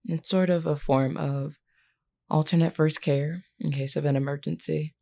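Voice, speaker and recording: An actress voices a flirty, defiant adult female werewolf, wounded but self-assured, in an intimate roleplay. Her very low, heavily gravelly voice is dark and mellow with fairly even intonation, and the mood is casual and candid. She teases the listener bluntly and unhurriedly, calling them "hun."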